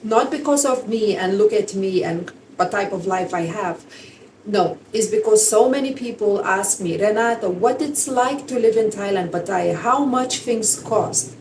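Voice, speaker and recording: A woman's voice: mid-range voice, measured pace, a little mellow, distant mic, slight background noise, low-quality recording. A woman in her forties from Lithuania, with a Lithuanian accent, chatting casually in a vlog in slightly broken English. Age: 40s. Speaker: vlogger.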